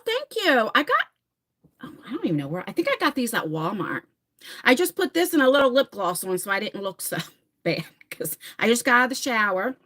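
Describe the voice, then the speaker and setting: A livestream host in her forties from New Jersey, USA chats casually, reading viewer comments and addressing people by name. She's talkative and laughs often, with a mid-range voice and a sharp tone.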